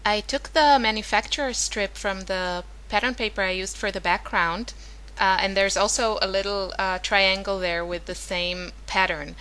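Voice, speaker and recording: In a mid-range voice that stays steady, this native Hebrew speaker narrates her scrapbooking project casually at a moderate pace with hardly any pauses, using plenty of fillers and self-corrections. Her tone is sharp but clear and resonant.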